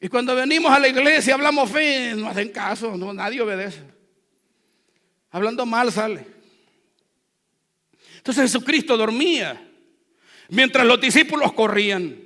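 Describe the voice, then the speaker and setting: A male pastor with a high, bright, ringing voice delivers a fervent sermon, calling on the congregation to repeat after him. His preaching rises from low asides to loud exhortation, and the sound carries a long reverb from the church hall. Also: expressive, normal speed, pauses often. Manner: exhorting, call-and-response with the congregation. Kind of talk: Spanish-language church sermon. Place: church sanctuary.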